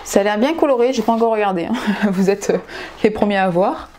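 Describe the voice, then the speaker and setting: Young female vlogger, mid-pitched, casual and enthusiastic, product-review chatter. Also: brisk, a little mellow, slight background noise. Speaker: nail vlogger. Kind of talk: casual haul unboxing vlog.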